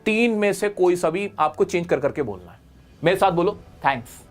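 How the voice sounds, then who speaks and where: A young man with an Indian accent teaching a spoken English lesson in a playful, animated way, acting out phrases in exaggerated tones. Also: high voice, brisk, soft background music.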